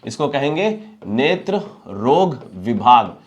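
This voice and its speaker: Indian guy teaching vocab, asks then answers himself, says each word slow. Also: mid-range voice, very animated, lo-fi sound. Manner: asks and answers his own questions, repeating each word slowly. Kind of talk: classroom-style lesson.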